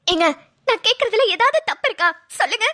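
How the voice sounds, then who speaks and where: A hurt young newlywed wife in a cartoon, voiced by a woman, her complaints spilling out in tearful pleading. The voice sits very high with a bright, sharp edge. It sounds close and dry, with no room around it. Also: animated, brisk, no echo, full character voice. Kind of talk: Tamil cartoon drama voice acting.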